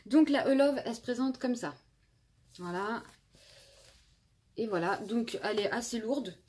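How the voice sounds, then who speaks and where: A woman's voice: fairly high pitch, measured pace, darkish tone, breathy edge. A woman in her twenties casually reviewing makeup palettes as a beauty vlogger, chatty with many fillers and restarts, filmed on a phone indoors. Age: 20s. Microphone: phone camera.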